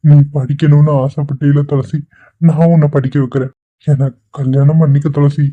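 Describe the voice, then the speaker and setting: A man's voice: fairly high pitch, level tone, moderate pace, natural voice. A man voicing Raju, a desperate lovesick young man. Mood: pleading. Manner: pleading, insistent. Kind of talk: dubbed cartoon dialogue. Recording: tinny phone-like recording.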